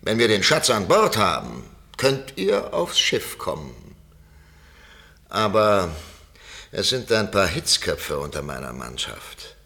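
Silver, a sly, bright-voiced pirate. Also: male voice, lowish voice, wildly swooping pitch, slow, vocal fry, full character voice. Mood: bargaining. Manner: sly, wheedling, erupting into shouting threats. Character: cunning one-legged male pirate leader, smooth-tongued. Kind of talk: radio play acting.

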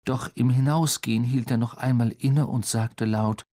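A man reads an audiobook aloud, telling the story expressively in a mid-range voice at normal speed. It is scripted narration.

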